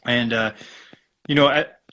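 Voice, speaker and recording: A man from Alberta, Canada, talking as a guest acupuncturist in a relaxed, rambling way over a video call. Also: mid-range voice, unhurried. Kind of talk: casual live-stream interview.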